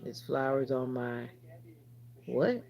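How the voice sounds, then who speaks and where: A woman's voice: a bass voice, lively intonation, slow pace, vocal fry, darkish tone. A woman hosting a casual livestream from her phone, chatting straight to viewers and answering their comments with rambling asides. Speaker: livestream host.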